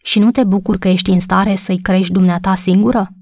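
A kind, sunny young wife from a storybook, talking with bright eagerness, voiced by a woman reading aloud. The recording is dry and close, with no room sound. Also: medium pitch, little pitch movement, dry recording, close to an everyday voice. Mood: cheerful.

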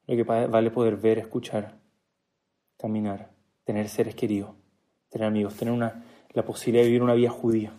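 Mellow-voiced man telling a sermon story. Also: fairly low pitch, little pitch movement, brisk, long pauses. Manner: storytelling, with joking asides to listeners; acts out quoted dialogue. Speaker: speaker giving a religious talk.

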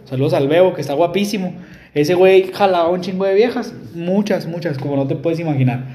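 A man's voice: fairly high pitch, brisk, mellow, reverberant. A man with a Mexican Spanish accent, co-hosting a casual podcast chat, teasing his co-host and speaking to listeners. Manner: teasing, joking, addresses listeners.

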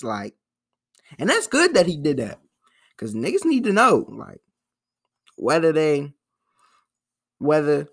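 On his solo podcast, a young male host with a gravelly, fairly high-pitched voice delivers casual commentary as a profane rant. It's loose and rambling, with frequent restarts and plenty of slang.

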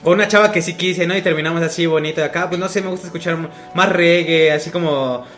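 Young man, Mexican accent, high voice, rambling slangy chat, roomy sound. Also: fairly even intonation, fast talker, fairly bright tone. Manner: rambling, tags sentences with "no?". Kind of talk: casual chat. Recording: roomy sound with faint music behind.

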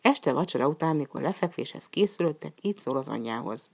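A woman narrating a folk tale in a calm storybook reading manner, lifting her voice for the characters' lines. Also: low voice, gravelly, husky.

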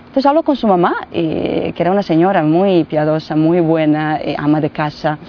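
A woman in her forties from Bosnia and Herzegovina, not a native speaker, telling her story in an interview with many fillers and pauses. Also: low voice. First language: Croatian. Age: 40s. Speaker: guest, translator and guide. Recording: muffled with faint noise.

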